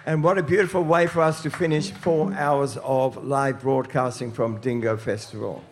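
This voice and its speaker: A man's voice: medium pitch, fairly even intonation, moderate pace. A man presenting live community radio from a festival, who interviews a guest and hypes the audience with enthusiasm. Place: outdoor festival live broadcast.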